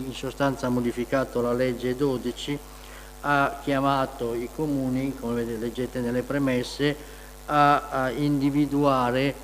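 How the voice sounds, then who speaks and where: A man speaking through a face mask, giving a halting, formal technical explanation as an engineer at a council meeting. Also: mid-range voice. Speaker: municipal engineer presenting to a town council. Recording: noisy, reverberant meeting hall.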